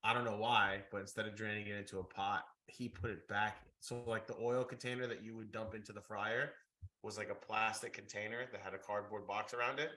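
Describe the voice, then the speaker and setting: A man's voice: lowish voice, fairly quick, rough recording. A man in his thirties, a podcast co-host, talking bluntly and teasing his friends in casual chat. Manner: blunt, teasing, animated storyteller.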